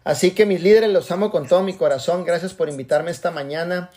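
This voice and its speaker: A man in his forties giving an animated motivational talk to his team over a video call, blessing his listeners. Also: sits high, a little fast. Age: 40s. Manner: animated, acts out quoted voices, blesses listeners. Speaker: motivational business speaker.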